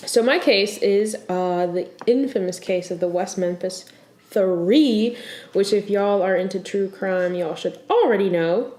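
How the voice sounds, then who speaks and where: A woman's voice: mid-range voice, unhurried, a little mellow, roomy sound, a little hiss or hum. A young woman co-hosting a podcast in casual chat, blunt, slangy and joking. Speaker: podcast co-host.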